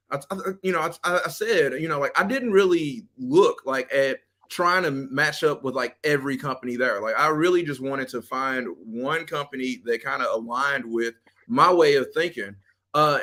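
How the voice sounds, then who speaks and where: A man's voice: mid-range voice, sharp tone. A man hosting a podcast, upbeat and casual, with many fillers and restarts. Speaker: podcast host, assistant principal.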